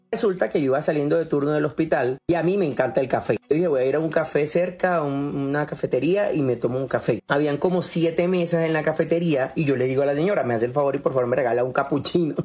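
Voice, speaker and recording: A man's voice: a little high, fast, darkish tone, breathy edge. A man, a doctor, telling a funny gossip story to camera, laughing often and acting out voices.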